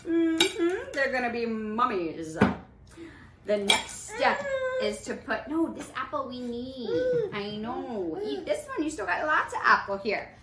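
A preschool teacher gives a playful, sing-song cooking demonstration for young children in a small indoor playroom kitchen set. Her voice is high, with big swings in pitch, and she speaks slowly. The room is echoey, and there's some background noise.

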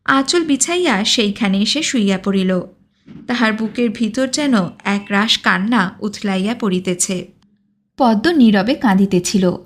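A woman narrating a literary audiobook in a measured, expressive reading. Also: mid-range voice.

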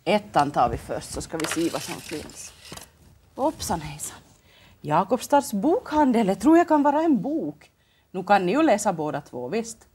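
A woman's voice: medium pitch, very animated, a little mellow, slight background noise. A woman with a Finland Swedish accent hosting a children's TV show, coaxing the kids with cheerful, sing-song questions. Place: local TV studio.

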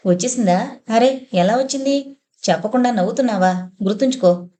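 A woman's voice: a little high, normal speed, mellow, lightly acted. A woman voicing an impatient young man who rattles off irritated complaints. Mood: eager. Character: impatient young man, grumbling brother-in-law.

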